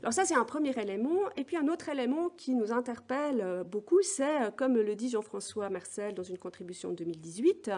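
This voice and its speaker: A middle-aged woman gives a conference keynote, thinking aloud at a steady, measured pace. Her voice sits a little high, and she pauses often on soft fillers as she builds each point. She is recorded indoors on a lectern mic. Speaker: keynote speaker, education researcher.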